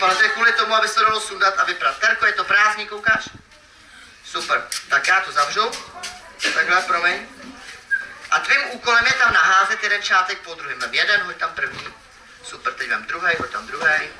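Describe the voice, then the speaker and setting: A man performing as a children's magician at a live event, playfully teasing the kids and calling out to the crowd. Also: high-pitched. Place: event hall with audience. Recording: echoey, distant mic, noisy ambience.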